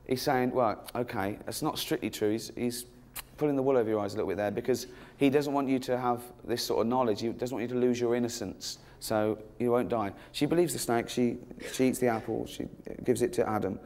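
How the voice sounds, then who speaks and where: A man's voice: mid-range voice, steady tone, a little fast, a little mellow. A man performing stand-up comedy in a mocking, irreverent, sweary way. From half French, half English.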